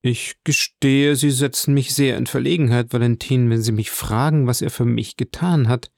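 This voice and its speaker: Man reading earnest young man in love, reflective, sincere, gravelly voice, dry sound. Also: mid-range voice, fairly even intonation, moderate pace, a little mellow, dry recording, lightly acted.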